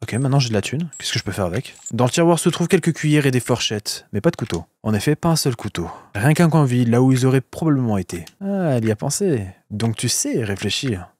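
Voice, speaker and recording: A man's voice: medium pitch, sing-song, fast talker, few pauses, darkish tone. Crude joking French game streamer man. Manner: crude, joking, swears a lot. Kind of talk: casual let's-play commentary.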